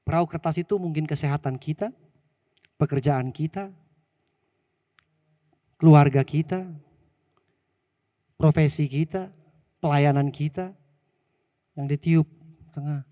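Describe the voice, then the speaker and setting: Lively high-voiced male pastor. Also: no room sound, studio quality, big-room sound. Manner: animated, asks the congregation questions. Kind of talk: sermon storytelling. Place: church hall.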